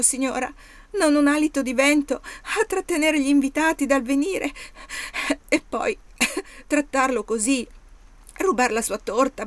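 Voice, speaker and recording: A woman's voice: no room sound, lightly acted. A woman putting on a tearful young maid. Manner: high, pleading, emotional.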